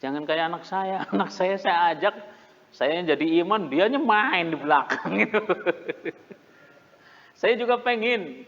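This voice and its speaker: Man, middle-aged, animated sermon storyteller; muffled lo-fi mosque recording. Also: fairly high pitch. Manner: animated storytelling with laughs, mimics shouting. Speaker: preacher. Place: mosque hall. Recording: muffled reverberant hall recording.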